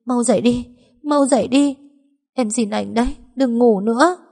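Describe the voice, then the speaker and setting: A woman's voice: medium pitch, a little fast, voice pushed up, lightly acted. A tearful, pleading young woman, played by the female narrator in a storybook audio drama. Her voice rings with a long reverb. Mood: desperate. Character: young woman, distraught girlfriend.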